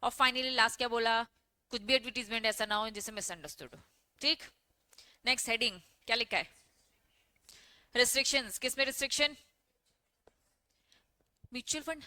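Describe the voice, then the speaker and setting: Lively woman teaching a class. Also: fairly high pitch, dry recording. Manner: lively, asks the class questions and answers them herself. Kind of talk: online class lecture.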